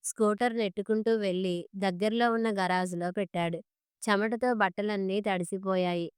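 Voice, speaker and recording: A woman storyteller reading a story in a steady, measured way. Her voice is exceptionally clear and stays fairly flat in pitch. The recording is dry and close, with no room sound. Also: no room sound. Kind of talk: scripted story narration.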